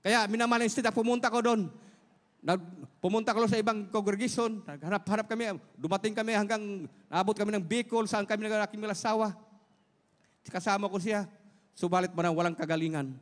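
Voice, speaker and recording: A man's voice: sits high, fairly quick, long reverb tail. A middle-aged man from Surigao, Philippines, giving an emotional church testimony, earnestly addressing listeners as beloved. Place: large church hall.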